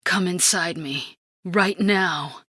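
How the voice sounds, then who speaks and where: A woman voicing a passionate young woman in an audiobook, breathy and pleading. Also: mid-range voice, very slow, pushed and bright, no room sound, studio quality, exaggerated voice. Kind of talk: audiobook character acting.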